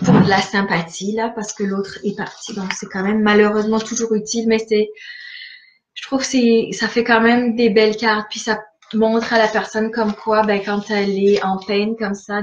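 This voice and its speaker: A woman's voice: medium pitch, dull audio, slight background noise. A woman chatting casually through a catalogue, hesitant and full of fillers. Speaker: stamping-supplies demonstrator. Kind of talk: casual catalogue walkthrough for viewers.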